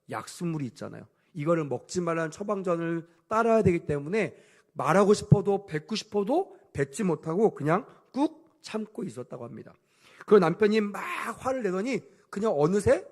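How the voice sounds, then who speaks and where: A man preaching a sermon as pastor, telling a story with lively rhetorical questions to the congregation. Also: a little high. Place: church service.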